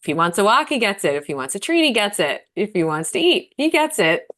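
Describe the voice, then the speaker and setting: A woman's voice: mid-range voice, big pitch swings, fast talker, a bit bright. Chatty woman co-hosting a podcast. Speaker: podcast co-host. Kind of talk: casual podcast chat.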